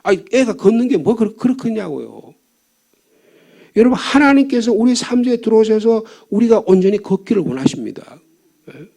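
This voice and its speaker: A man's voice: high-pitched, big pitch swings, fairly quick, gravelly, mellow. An older man preaching a fervent dawn sermon as pastor, asking the congregation questions and repeating key points. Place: church sanctuary.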